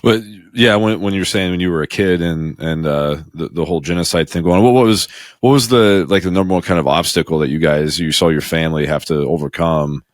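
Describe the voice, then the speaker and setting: Deep-voiced male podcast host. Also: no room sound, studio quality. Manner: halting, many fillers and restarts. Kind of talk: casual interview.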